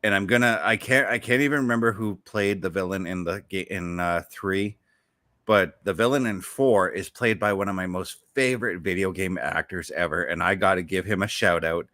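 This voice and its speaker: A man's voice: low-pitched, normal speed, bright, forceful tone, no echo. A man hosting a casual podcast chat about video games, talking enthusiastically and rambling, often backtracking mid-sentence. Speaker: show host.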